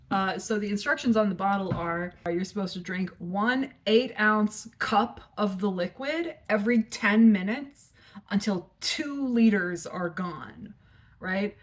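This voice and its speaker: A woman vlogger telling a story in a casual, frank and profane way, rambling with lots of filler words. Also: mid-range voice.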